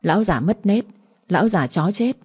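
A woman voicing a harsh, spiteful middle-aged mother who taunts and curses in a shrill voice. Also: animated, normal speed, a little mellow, breathy edge. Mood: shrieking.

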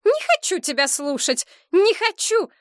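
A woman's voice: high voice, big pitch swings, normal speed, no room sound, clean studio sound, pitched above the performer's own voice. A woman voicing an anxious, easily upset widowed mother who pleads shrilly and emotionally in an audiobook. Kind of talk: audiobook character reading.

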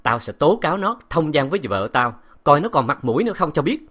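A male reader voices a domineering, jealous husband in a spoken storybook. He barks harsh commands, and his pitch leaps about as he shouts. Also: sing-song, a little fast. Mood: commanding.

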